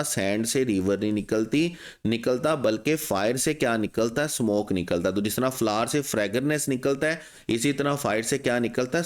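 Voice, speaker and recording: A man explains test questions in a lesson, his voice sitting at an ordinary middle pitch. He keeps asking the class questions and answering them himself, slowing right down to read the English sentences aloud. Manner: reads English test sentences slowly and deliberately. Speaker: English teacher.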